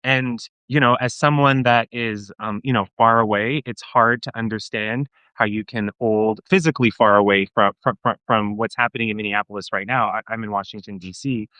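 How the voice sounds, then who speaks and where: A man's voice: on the low side, steady tone, normal speed, hardly any pauses, pushed and bright, dry recording, low-quality recording. A man speaking as a guest in an interview, impassioned and often restarting his sentences. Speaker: guest, advocacy group staff. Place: remote call from Washington, DC.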